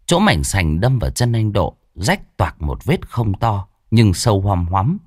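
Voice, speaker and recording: A man's voice: on the low side, sing-song, a little slow, no echo, clean studio sound. A man telling a ghost story in a vivid, dramatic way. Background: faint music.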